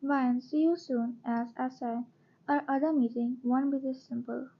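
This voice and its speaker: A haughty young mafia queen, bossy and arrogant, who makes threats, as a woman reads her. The voice sits high for a woman. The storybook audio is dull and lo-fi. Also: fairly even intonation, measured pace.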